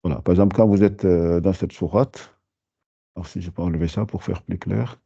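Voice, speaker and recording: A man's voice: low voice, steady tone, brisk, creaky, dark tone, slightly rough, lo-fi sound. A man teaching a lesson, explaining patiently with many fillers and restarts. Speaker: Quran recitation teacher.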